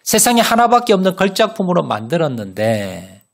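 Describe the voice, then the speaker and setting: A man preaching a sermon as pastor, telling a story with rhetorical questions and sudden loud rises and soft drops. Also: high-pitched, huge pitch swings, fairly quick, vocal fry. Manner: asks the congregation rhetorical questions.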